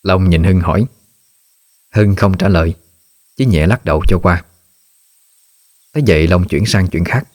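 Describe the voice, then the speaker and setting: A man narrating a ghost story in a steady, measured way. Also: deep voice, no echo, studio quality.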